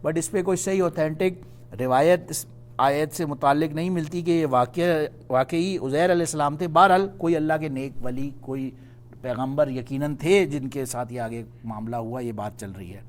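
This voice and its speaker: A man teaching a Quran study class, explaining patiently and reciting verses slowly. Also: a little high.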